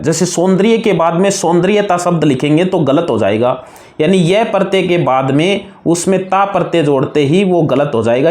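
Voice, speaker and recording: A man's voice: fairly high pitch, a little mellow, reverberant. A man teaching a grammar lesson, patiently explaining spelling rules and repeating each wrong and right form. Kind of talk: classroom-style grammar lesson.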